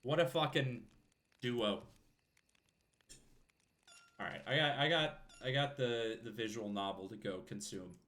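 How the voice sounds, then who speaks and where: A man's voice: mid-range voice, measured pace, pauses often, fairly bright tone. Man, game streamer, casual, swearing, jokey, scratchy throat. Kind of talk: live game-stream commentary.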